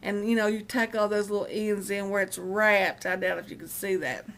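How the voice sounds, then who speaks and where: A woman's voice: medium pitch, little pitch movement, normal speed, fairly bright tone. A middle-aged woman with an Appalachian accent from West Virginia, chatting casually as a vlogger in a folksy, colloquial, meandering way. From Appalachian West Virginia, United States. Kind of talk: casual rambling chat to viewers.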